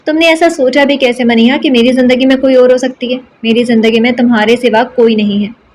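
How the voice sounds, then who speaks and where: Woman narrator plays a remorseful young husband in a storybook reading, earnest and coaxing, a bit high. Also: fairly even intonation, a little mellow, slight background noise, natural voice. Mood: pleading.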